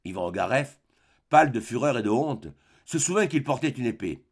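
A man reads a novel aloud as a measured, dramatic narration. His voice has a strong gravelly fry at a mid pitch. The pacing is steady and deliberate. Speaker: audiobook narrator.

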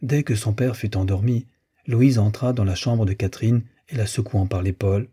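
A man reading a classic novel aloud as an audiobook narrator, in a measured, even manner. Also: lowish voice, slightly rough. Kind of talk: scripted literary narration.

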